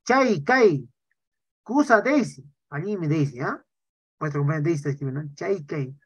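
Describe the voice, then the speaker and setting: A man teaching a live online Quechua class. He talks in an animated way and keeps checking in with "¿ya?" and "¿no?". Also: on the high side, normal speed, husky, dry recording. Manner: animated, tags sentences with "¿ya?" and "¿no?". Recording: dull lo-fi online class audio.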